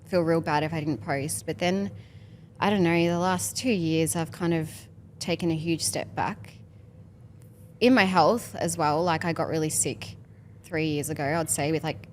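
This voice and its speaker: A woman's voice: low voice, steady tone, moderate pace, a little hiss or hum. A woman in her thirties talking candidly as a podcast guest, rambling with many fillers in casual chat. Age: 30s.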